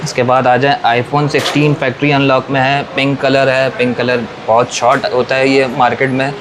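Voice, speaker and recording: A man with a Pakistani accent working as a phone seller, giving a repetitive sales pitch that lists models and prices. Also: little pitch movement, normal speed. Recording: noisy room with clear background noise.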